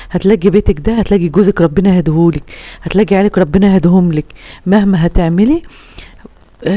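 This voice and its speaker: A woman from Upper Egypt speaks with an Upper Egyptian Arabic accent in a lowish, warm voice, recorded without echo. As a home vlogger, she chats earnestly with her viewers, offering heartfelt advice sprinkled with pious phrases.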